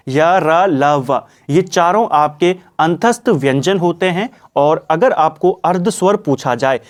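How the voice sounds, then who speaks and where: A young man teaching an exam-prep grammar lesson, explaining step by step and often reminding students what to remember. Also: fairly high pitch. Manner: explanatory, repeats "ठीक है" and "ये आपको याद रखना है".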